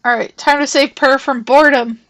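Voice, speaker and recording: A young woman with a high, fairly bright voice streams a farming game, talking a little fast in a steady tone. She chats casually, narrates every move aloud, and hums to herself.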